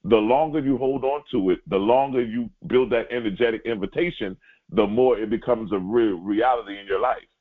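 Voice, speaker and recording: A man giving a spiritual teaching, speaking directly to his listeners and repeating key lines slowly for emphasis. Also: mid-range voice. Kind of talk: sermon-like teaching. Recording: tinny phone-like line.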